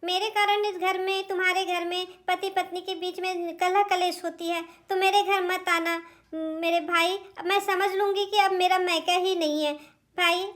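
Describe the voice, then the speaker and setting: A woman's voice: very high voice, flat delivery, normal speed, fairly bright tone. A woman voicing a grieving young married sister in a doll drama, pleading and tearful.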